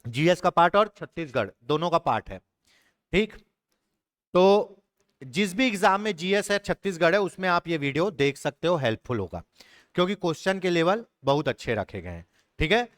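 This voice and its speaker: A man's voice: fairly high pitch, big pitch swings, fairly bright tone, dry recording, clean studio sound. A young man, teaching an exam prep lesson and patiently spelling words out letter by letter. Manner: explains patiently, spells words out slowly, checks in with "ठीक है".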